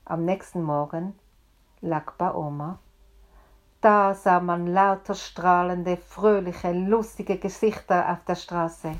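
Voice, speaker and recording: A woman telling a story in a deliberate, expressive way. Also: on the low side. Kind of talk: told story.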